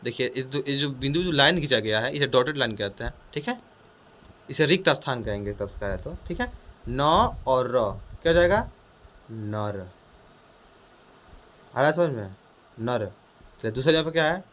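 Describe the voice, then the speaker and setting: A man gives an energetic, loud lesson to children in a small room, sounding out letters and asking the class the same questions again. His medium-pitched voice is expressive, his pace moderate, and he pauses often.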